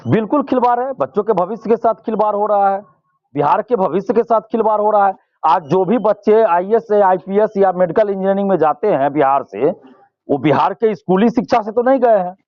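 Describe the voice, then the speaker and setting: A man's voice: high-pitched, a little fast, dry recording, lo-fi sound. A male student leader, giving impassioned interview answers and repeating phrases for force.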